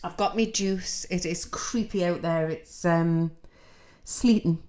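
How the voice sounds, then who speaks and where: A woman's voice: on the low side, slow pace, a little mellow. A middle-aged woman gives a casual, rambling spiritual reading on a livestream. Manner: chatty, rambling, mystical. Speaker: psychic.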